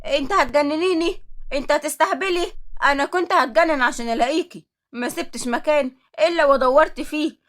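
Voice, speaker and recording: A woman's voice: sits high, lively intonation, a little fast. A woman with an Egyptian Arabic accent voicing an angry, possessive young husband in a story. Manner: loud, demanding.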